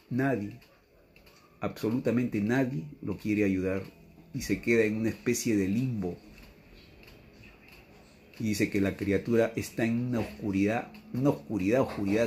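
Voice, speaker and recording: A man's voice: lowish voice, a little mellow, slight background noise. A man, giving an earnest, repetitive spiritual teaching and often quoting a messenger. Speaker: religious teacher.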